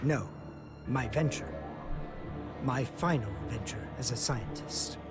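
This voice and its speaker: An actor playing a grandiose scientist in a video game, speaking slowly with theatrical villain menace. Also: male voice, mid-range voice, natural voice. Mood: ominous resolve. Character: grandiose adult male scientist, calmly scheming world change. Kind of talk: video game cutscene acting. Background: loud dramatic music.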